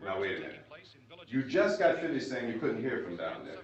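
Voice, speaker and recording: A man's voice: mid-range voice, very animated, brisk, lightly acted. An actor playing a resolute, blunt male survivor, firm and confrontational, in a 1960s horror film. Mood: indignant. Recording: echoey, dull old film sound, distant.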